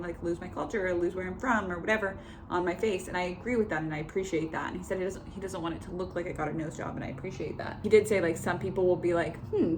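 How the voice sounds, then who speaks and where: A woman in her twenties giving a casual, conversational personal update to camera, in an informal way. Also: lowish voice. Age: 20s. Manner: informal, conversational, quotes others in reported dialogue. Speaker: vlogger. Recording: clear background room noise.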